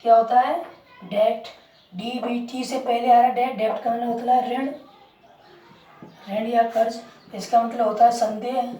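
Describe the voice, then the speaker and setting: A woman teaching a lesson who talks slowly and keeps asking the class questions and repeating the answer. Her voice sits a little high but has a soft, mellow tone. She is recorded from a distance in an echoey room. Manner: slow, repeats words and asks the class questions. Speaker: English teacher. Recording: roomy, distant mic.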